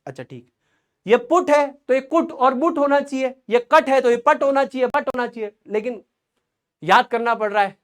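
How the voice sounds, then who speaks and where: Young male online tutor, high voice, chatty and joking with his class. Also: moderate pace. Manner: playful, chatty, jokes with students between quiz polls. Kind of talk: live online chemistry class.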